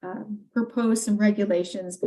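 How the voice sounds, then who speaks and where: A woman gives a committee briefing in a mellow, darker-toned voice. She explains steadily and leans on frequent fillers as she goes. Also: medium pitch, steady tone, normal speed, rough recording. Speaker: legislative staff presenter.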